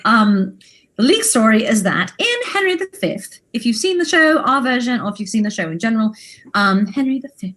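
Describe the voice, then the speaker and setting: A woman co-hosting a casual chat, telling a backstage story with animated, laughing delivery. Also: a little high, a little fast. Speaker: podcast co-host, stage actor.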